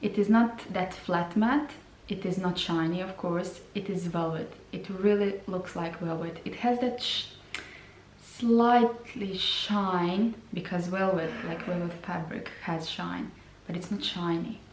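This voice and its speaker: A woman reviewing lip products in a slow, hesitant way, often repeating her words. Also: on the low side, fairly even intonation, slight background noise. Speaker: beauty vlogger. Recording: roomy sound from a distance.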